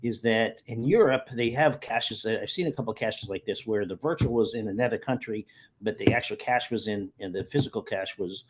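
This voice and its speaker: A man's voice: on the low side, brisk. A man, chatting over a video call as a guest, telling stories in a rambling way that circles back and corrects itself. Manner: rambling, self-correcting storyteller. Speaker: guest geocacher. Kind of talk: casual video-call chat.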